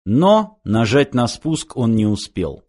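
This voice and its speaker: A man narrating an audiobook in an even, measured storytelling manner. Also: mid-range voice.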